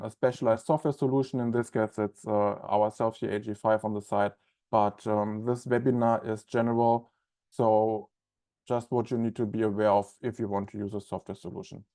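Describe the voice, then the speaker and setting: A young man with a German accent, working as an onboarding specialist, presents a webinar in a loose, conversational way full of ums and uhs. His voice is medium-pitched and warm.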